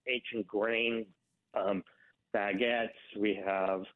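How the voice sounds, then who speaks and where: Phone-line man, radio interview guest. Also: lowish voice. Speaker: bakery company representative, interview guest. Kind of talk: conversational radio interview answers. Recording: narrow, tinny phone line.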